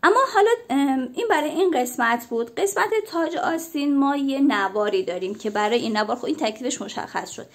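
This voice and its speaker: Lady with a cold walking thru a sewing tutorial, kinda high voice, chatty. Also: expressive, hardly any pauses. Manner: step-by-step explaining, chatty with viewers. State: has a cold. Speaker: sewing instructor. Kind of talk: casual tutorial.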